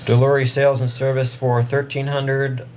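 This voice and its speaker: A man speaks up to carry across a meeting room as he chairs formal board business. His delivery is even and flat in pitch, at a medium register, with some room noise behind him. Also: moderate pace. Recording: noisy meeting room audio with ambience.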